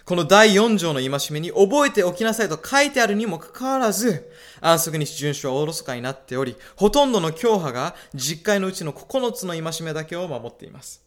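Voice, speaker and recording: A man with a fairly high voice delivers a dubbed sermon. He speaks in a measured, emphatic way and keeps asking his listeners questions before answering them. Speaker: preacher.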